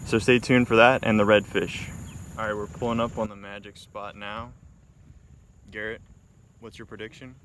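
A man's voice: fairly low pitch, flat delivery, moderate pace, pauses often, fairly bright tone. A young man in his twenties narrating his fishing trip from a small boat, upbeat and counting catches as he goes. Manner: upbeat, play-by-play tallying catches. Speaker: fishing vlogger. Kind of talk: casual fishing vlog narration. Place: small boat on a river, outdoors. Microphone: handheld phone camera. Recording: noisy outdoor phone recording.

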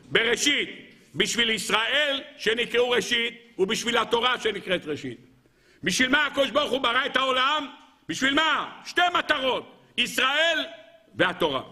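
In his weekly Torah lesson, a rabbi with a keen, bright, high voice rapidly poses rhetorical questions, says them again, then answers them himself. He addresses his listeners as gentlemen and moves animatedly between raised and lowered tones.

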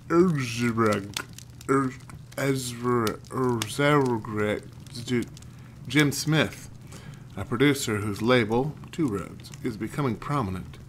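Streaming a horror game, a man with a medium-pitched voice chats with viewers and reads the in-game notes aloud as a let's play, occasionally tripping over names. The recording carries a little hiss or hum.

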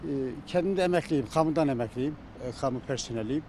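A middle-aged man from Turkey answering informally in an interview, halting and often stumbling over his words. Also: a little high, warm tone. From Çorum, Turkey. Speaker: interviewee, simit seller and retired civil servant. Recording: faint outdoor street noise.

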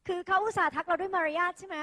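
A high, bright-voiced Thai woman teaches English to a class of students. She coaxes them along playfully and keeps drilling their pronunciation. Her voice rings with long hall reverb, as if it was caught on a phone. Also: racing. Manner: lively, calls students "kids" and "dear", drills pronunciation. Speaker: English tutor. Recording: echoey hall, phone recording.

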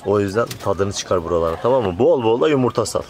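A man's voice: fairly low pitch, expressive, fast. A man vlogging from his poultry coop, chatting playfully to the camera and coaxing the bird he holds. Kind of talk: casual chat to camera. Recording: clucking birds loud behind. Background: chickens and quails clucking.

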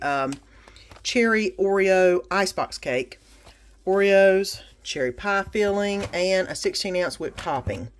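A middle-aged woman chats casually through a grocery haul, pausing on ums and sale prices. Her voice sits a little low. She is recorded on a phone held over the counter in her home kitchen. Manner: chatty, practical, with frequent ums and sale prices. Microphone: phone camera over a kitchen counter.

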